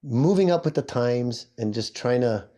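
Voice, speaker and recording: A man in his forties from Hawaii hosting a casual solo podcast. He sounds hoarse and talks in a rambling, chatty, self-mocking way. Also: medium pitch, animated, moderate pace, mellow. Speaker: podcast host.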